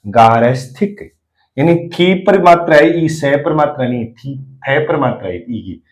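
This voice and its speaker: Male teacher at a board, mid pitch, drilling spelling rules, poses questions and answers them himself. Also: lively intonation, a little slow, rough recording. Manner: writes while explaining.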